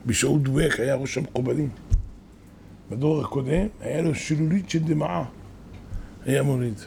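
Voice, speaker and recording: A man's voice: mid-range voice, fairly even intonation, creaky, a little mellow, slight background noise. A man, a rabbi, giving a sermon, telling stories with rising emphatic bursts.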